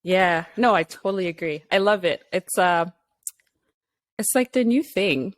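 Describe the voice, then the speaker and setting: Podcast guest, a woman from Zimbabwe, warm and chatty, slightly worn out, lower pitch. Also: measured pace. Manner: friendly, chatty, laughs easily. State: a little tired. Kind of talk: casual interview chat.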